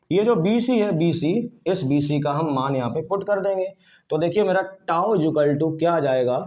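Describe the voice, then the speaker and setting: A man's voice: a little high, a little mellow, muffled recording. A man teaching physics at a board with a Hindi-speaking Indian accent, repeating key terms and asking questions back to the class. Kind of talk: whiteboard lesson.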